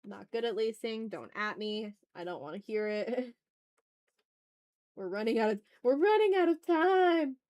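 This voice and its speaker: With a fairly high, slightly mellow voice, lively intonation and a measured pace, a woman hosts an art livestream in lo-fi sound. She chats candidly and informally, thinking aloud as she draws and swearing freely.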